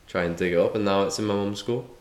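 A man's voice: on the low side, fast, darkish tone, echoey room. A man co-hosting a podcast in joking, sweary casual banter. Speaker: podcast co-host. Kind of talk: casual chat.

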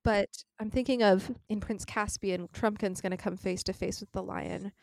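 A woman co-hosting a podcast, earnest and measured, who also reads scripture aloud. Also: medium pitch, steady tone, gravelly, darkish tone, no echo, clean studio sound. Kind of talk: conversational discussion, reading scripture aloud.

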